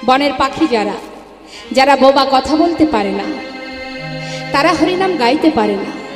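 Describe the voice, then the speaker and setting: High-voiced woman kirtan preacher. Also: expressive, a little slow. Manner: sings chants, then preaches and addresses listeners as baba and ma; scolds chatting audience. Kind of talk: devotional kirtan discourse with chanting. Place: live religious gathering with seats for the audience. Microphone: through a sound system. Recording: echoey hall with long reverb, music behind.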